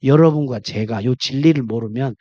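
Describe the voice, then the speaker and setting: Speaking at a normal speed, a male pastor quizzes his congregation directly during a sermon, alternating forceful declarations with quiet, intimate remarks. The recording is dry and the audio sounds dull.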